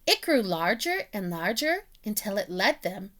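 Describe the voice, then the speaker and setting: A woman's voice: mid-range voice, very animated, unhurried, fairly bright tone. A woman reading a children's picture book aloud, as a teacher telling the story with voiced animal sounds.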